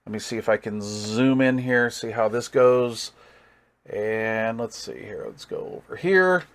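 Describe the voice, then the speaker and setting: Speaking at a measured pace in a medium-pitched voice, a hobbyist reviewer demonstrates a product hands-on in a relaxed way. He's folksy and easygoing in his enthusiasm, musing aloud while he works.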